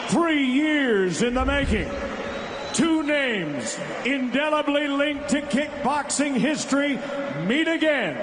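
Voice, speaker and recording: A man doing dramatic, booming ring introductions like a fighting game announcer, with drawn-out name calls, live in a packed arena. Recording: loud crowd noise in a big arena.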